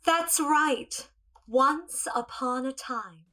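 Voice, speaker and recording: A woman playing a gentle, sincere princess who tells children a story in a soft, slow, soothing way, sometimes dropping to a whisper. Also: high-pitched, exaggerated voice. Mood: friendly.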